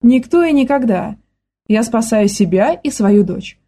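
A woman voicing a stern middle-aged father who gives sharp, commanding orders. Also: a little high, expressive, a little slow, slight background noise.

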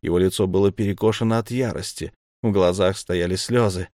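A man reading an audiobook in steady scripted narration, close to the mic. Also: low voice, fairly quick, dry recording.

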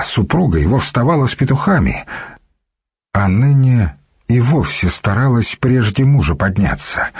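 A man narrating a historical novel in a steady, measured storytelling voice. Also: lowish voice, breathy edge, no room sound, clean studio sound. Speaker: audiobook narrator. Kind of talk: scripted narration.

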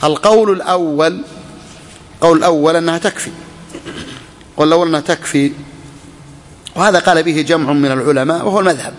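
Man lecturing on a text, kinda high voice, long hall reverb. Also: fast talker, long pauses, a little hiss or hum. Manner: repeats key phrases, asks and answers questions. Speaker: Islamic scholar teaching a fiqh text.

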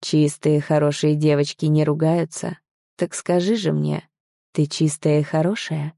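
A woman's voice: low-pitched, flat delivery, unhurried, creaky, mellow, dry recording, clean studio sound. A woman voicing a possessive, domineering young man who talks in a mocking, commanding way. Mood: smug, commanding.

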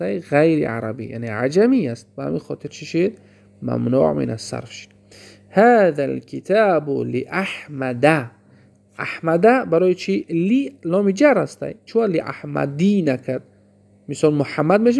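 Male teacher with a gravelly, fairly high voice, who drills example words slowly and answers his own questions. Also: a little mellow. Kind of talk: grammar lesson.

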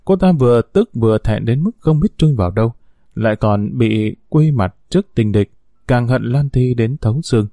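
A man narrating a romance story in a steady, scripted storytelling manner. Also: mid-range voice, moderate pace, no echo, studio quality. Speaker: audiobook narrator.

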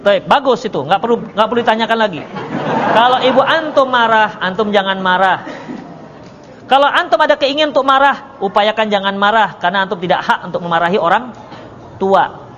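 High-voiced joking preacher in a reverberant hall. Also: male voice, a little fast, crowd noise. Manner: joking, teasing the audience; acts out quoted dialogue. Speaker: ustadz teaching a study circle. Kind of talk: religious lecture with Q&A. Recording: dull lo-fi audio with long reverb and faint noise.

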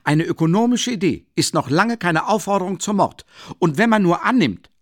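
A man reading an audiobook, voicing a pompous, offended middle-aged gentleman who speaks haughtily and indignantly. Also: high voice, animated, normal speed, dry recording, studio quality, voice pushed up. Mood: haughty.

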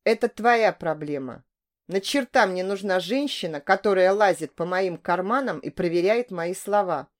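A woman reading the part of a calm, cold married man who brushes off his lover with flat, dismissive retorts. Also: fairly low pitch, normal speed, natural voice.

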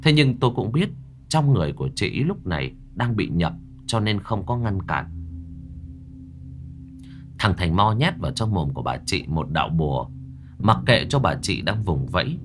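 Low-voiced man telling a ghost story. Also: big pitch swings, normal speed, a little hiss or hum. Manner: dramatic, vivid storytelling. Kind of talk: horror story narration.

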